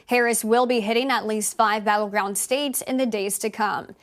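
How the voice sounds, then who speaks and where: A woman's voice: a little high, fairly even intonation, moderate pace. A woman presenting news headlines as scripted narration.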